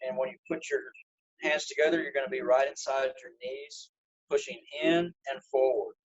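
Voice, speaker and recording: Over a video call, a man instructs viewers in flintknapping one step at a time, his hands demonstrating as he speaks. He has a mid-range, breathy voice, a steady tone and normal speed, and the audio is lo-fi from a phone.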